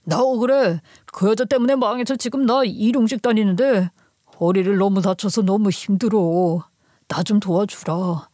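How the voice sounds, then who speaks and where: A woman's voice: mid-range voice, darkish tone, no echo, natural voice. A whining, self-pitying middle-aged ex-husband, put on by a woman narrator in a story radio drama, pleading and wheedling in a plain mid-range voice. The sound is dry and close, with no room around it.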